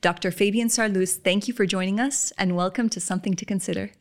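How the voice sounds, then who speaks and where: A woman hosting an interview podcast, giving measured introductions and laughing easily with her guest. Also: mid-range voice, steady tone. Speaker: podcast host.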